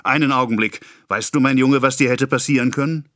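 A male narrator voicing a pompous, excitable middle-aged apothecary who rants and scolds in a self-important way. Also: fairly high pitch, slow pace, no room sound, clean studio sound, voice pushed up, full character voice. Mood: ranting. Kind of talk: audiobook character voice.

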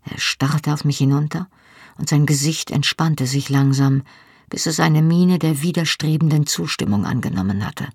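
An audiobook narrator reads a first-person novel in a steady storytelling voice. The tone is husky and the recording is close and dry, with no room around it. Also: mid-range voice, moderate pace, no room sound.

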